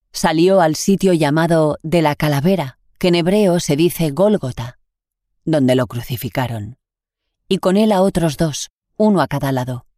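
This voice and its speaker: A reader with a Spain Spanish accent reading the Gospel aloud in a steady, measured way. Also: mid-range voice, no room sound, clean studio sound. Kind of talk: scripture reading.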